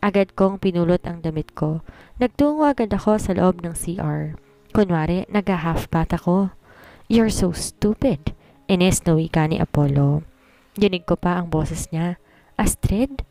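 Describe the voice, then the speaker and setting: A woman narrating a romance story in the first person with a steady, even reading. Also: on the low side, normal speed, no room sound.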